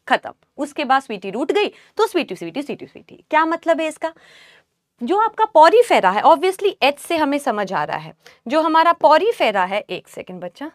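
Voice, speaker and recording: A woman teaching a biology class, repeating key terms slowly and making up a memory trick for her students. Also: high voice, dry recording, studio quality.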